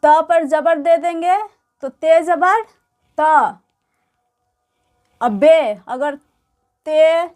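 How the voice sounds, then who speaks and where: A woman teaching beginners to read and write, explaining patiently and repeating each word and letter slowly. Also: sits high, darkish tone. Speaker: Urdu teacher. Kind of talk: slow explanatory lesson.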